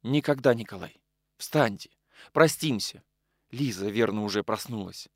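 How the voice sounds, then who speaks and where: Figure: a grieving young woman, firm and sorrowful as a male reader voices her. Style: audiobook character reading, quiet and restrained. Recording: dry, close. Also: lowish voice, moderate pace, no echo.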